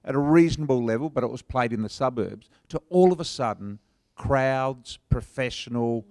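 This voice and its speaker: Middle-aged Aussie male host, casual and teasing, mid-pitched voice, dry studio sound. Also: lively intonation, darkish tone, no echo. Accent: Australian. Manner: chatty, teasing, quick to laugh. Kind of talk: casual panel hosting.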